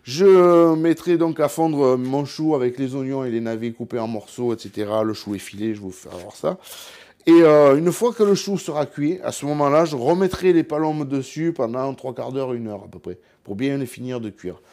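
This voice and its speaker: With a warm, mid-range voice at normal speed, this man from the Cévennes talks through his cooking vlog in a southern French accent. A home cook and hunter, he addresses the viewer directly, rambles, cracks jokes at his own expense and keeps saying "voilà."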